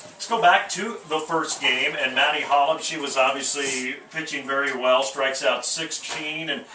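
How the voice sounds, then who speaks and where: A man's voice: mid-range voice, normal speed, pushed and bright, recorded from a distance. A male sports radio announcer interviewing after a game in a small wooden press box, asking long, rambling questions with restarts over a headset mic. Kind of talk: postgame interview. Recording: echoey, from off the mic, noisy outdoor ambience.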